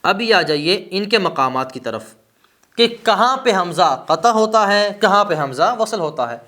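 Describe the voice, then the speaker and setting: Male teacher, higher voice, patient classroom delivery, answers his own questions and slows to sound out examples. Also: expressive, pushed and bright. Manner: asks rhetorical questions and answers them himself; slows down to spell out example words. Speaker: teacher of Arabic grammar. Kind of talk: classroom grammar lesson.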